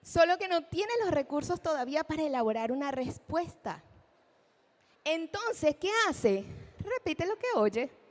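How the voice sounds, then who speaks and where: A woman giving a lecture at a live event, animated, asking the audience questions and acting out examples. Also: measured pace. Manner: acts out children's speech in a high voice. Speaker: speech therapist giving a talk. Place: event hall.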